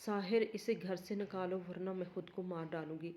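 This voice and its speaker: A woman voicing a spiteful, threatening sister-in-law with a harsh, shouting manner. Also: lowish voice, fairly even intonation, close to an everyday voice. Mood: furious.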